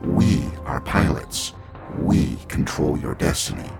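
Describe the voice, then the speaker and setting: Man doing a cold starship pilot, very deep voice, gravelly, slow hushed menace, loud music behind. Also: expressive, heavily acted. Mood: menacing. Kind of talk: audiobook character reading.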